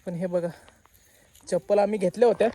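A man's voice: high-pitched, fairly even intonation, fairly quick, mellow. A man, chatting cheerfully as he walks through his farm for a village vlog, laughing often. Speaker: vlogger. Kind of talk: casual village vlog narration. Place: outdoors on farm fields.

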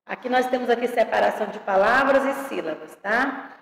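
A woman teaching young children an online grammar lesson, drawing out each word slowly and checking in with them affectionately. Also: on the high side, expressive, vocal fry. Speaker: primary school teacher. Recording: echoey room with long reverb.

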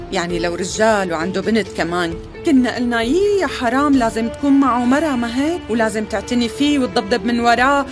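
A dubbing actress playing an outspoken middle-aged aunt, arguing in quick rhetorical bursts. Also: female voice, on the high side, lightly acted. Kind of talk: dubbed TV drama acting. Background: music.

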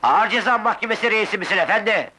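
An actor playing a stern, commanding police commissioner in 1960s film acting. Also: male voice, high voice, expressive, quick pace, background noise. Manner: curt and commanding.

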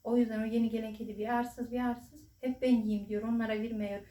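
A middle-aged woman vlogging casually at home to her followers, talking in a loud, booming way. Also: little pitch movement, fast. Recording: echoey room, distant mic.

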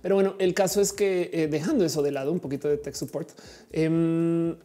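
Low and dark-toned, her voice stays steady as she talks fairly quickly. She's in her forties, hosting a livestream and playfully reading out chat messages in casual talk packed with fillers.

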